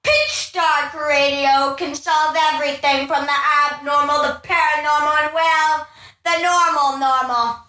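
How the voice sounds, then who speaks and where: A gleeful witch hosts a spooky radio play in a slow, theatrical sing-song. Her voice is very high and carries across an echoey room, some way from the microphone. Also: fairly even intonation, sharp tone. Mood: playfully macabre. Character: theatrical witch hostess teasing children with spooky glee. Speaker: host. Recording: roomy echo, distant from microphone.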